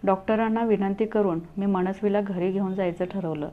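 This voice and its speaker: A woman narrating a scripted first-person story as a storyteller, in an earnest, steady way. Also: mid-range voice, normal speed. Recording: tinny phone-like audio, faint music.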